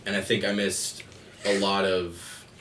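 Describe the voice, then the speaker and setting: Really deep-voiced young guy on a podcast, earnest, kinda far from the mic in an echoey room. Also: flat delivery, measured pace, a bit bright. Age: young adult. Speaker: podcast co-host. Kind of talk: casual chat. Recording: echoey room, mic at a distance, faint noise.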